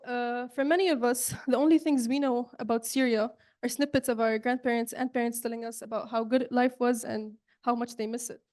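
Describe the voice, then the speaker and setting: A woman's voice: fairly high pitch, a little mellow. A young woman from Saudi Arabia giving an earnest student presentation, with frequent fillers and restarts. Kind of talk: presentation talk.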